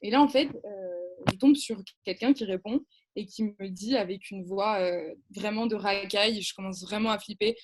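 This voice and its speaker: A woman's voice: mid-range voice, normal speed. A young woman, a camp counselor, telling an anecdote as a guest on a radio show, hesitating often and laughing at herself. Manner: hesitant, many fillers and restarts, laughs at herself.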